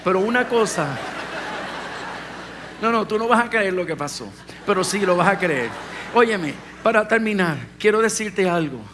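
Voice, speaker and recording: High-voiced man preaching a sermon. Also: moderate pace, long pauses, noisy background. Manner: animated storytelling with direct address to the congregation. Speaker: pastor.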